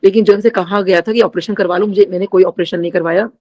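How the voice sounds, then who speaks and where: A woman's voice: mid-range voice, fairly even intonation, quick pace, warm tone, highs cut off. A middle-aged woman tells a spiritual testimony to a gathered congregation. She speaks to them directly and often, slipping English phrases into her Hindi. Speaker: devotee sharing a testimony.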